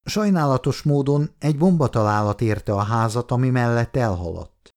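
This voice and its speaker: A man reading an audiobook, voicing a calm, reassuring young female hospital nurse who asks gentle questions. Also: mid-range voice, natural voice.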